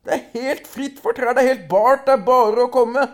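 A man voicing a clever, cocky young peasant lad who talks in a brisk, teasing, boastful way. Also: very high-pitched, fairly even intonation, pitched above the performer's own voice. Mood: calling out.

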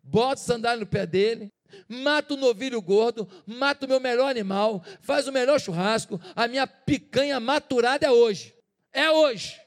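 A man's voice: high-pitched, expressive, normal speed, vocal fry, pauses often. A man voicing a loving father who welcomes his son back, speaking tenderly. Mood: joyful. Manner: tender and warm-hearted. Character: loving, joyful old father. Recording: reverberant church hall.

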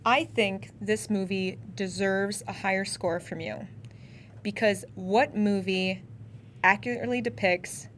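A woman's voice: medium pitch, fairly even intonation, slight background noise. Laughing woman co-hosting a podcast. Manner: enthusiastic, quick to laugh. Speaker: podcast co-host. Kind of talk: casual podcast chat.

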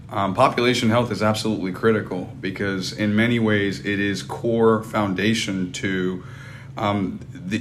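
Low, even-voiced man in a business interview. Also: slight background noise. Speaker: podcast guest, investment banker. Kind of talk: professional interview answers.

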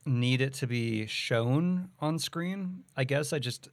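A man's voice: medium pitch, slow, dry recording. A man co-hosting a podcast, chatting casually about a movie and thinking aloud with many "like"s and "you know"s. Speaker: podcast co-host.

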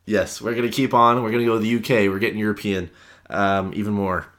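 A man's voice: fairly low pitch, flat delivery, quick pace, a bit bright. A young man from Canada co-hosting a podcast, chatting casually, joking, laughing often and swearing. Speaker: podcast co-host. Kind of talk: casual chat.

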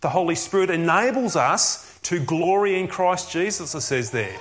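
A man's voice: high voice, expressive, normal speed, a bit bright. A man preaching a sermon as a pastor, earnest and emphatic, often asking rhetorical questions.

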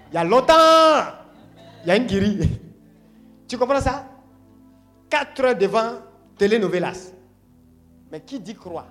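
A man preaching a sermon to a congregation, emphatic and repetitive, calling on the audience to say amen. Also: high voice. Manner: call-and-response, asks congregation to say Amen; emphatic, repeats phrases.

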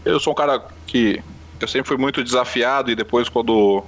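A man, the guest on an interview, telling a story in an excitable, animated way with sudden jumps in pitch. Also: moderate pace, muffled recording. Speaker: poker player guest. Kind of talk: casual storytelling.

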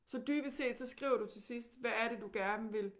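A woman with a Danish accent teaching, who guides calmly and gently with many questions. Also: fairly high pitch.

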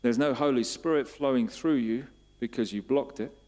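A man preaching a sermon, asking repeated questions and building to emphatic, louder bursts. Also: medium pitch, normal speed.

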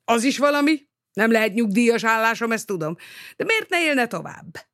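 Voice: medium pitch, big pitch swings, a bit bright, no room sound, clean studio sound, voice pushed up. A reader voicing a cheeky, sly male blackmailer who talks in a mocking, teasing way.

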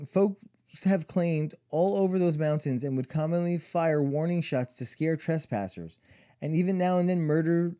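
A man's voice: fairly high pitch, mellow. A man in his forties, co-hosting a casual chat and telling long stories full of "like" and "you know.". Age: 40s. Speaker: podcast co-host.

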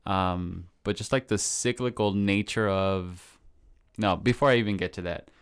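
A young man co-hosts a podcast in a fairly low, smooth voice at a slightly slow pace. It's a casual chat in which he swears offhandedly and acts out his own thoughts.

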